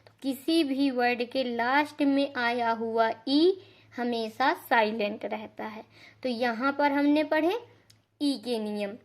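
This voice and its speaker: High-voiced lady teacher going thru pronunciation rules, slow and patient, repeats stuff. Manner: patient, repeats each rule and spells out examples. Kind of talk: slow classroom-style explanation.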